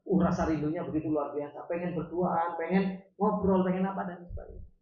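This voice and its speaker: A man teaching an Islamic study circle, reading Arabic lines and then explaining them with lively rhetorical questions to the audience. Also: fairly high pitch, a little fast. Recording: roomy, dull lo-fi sound.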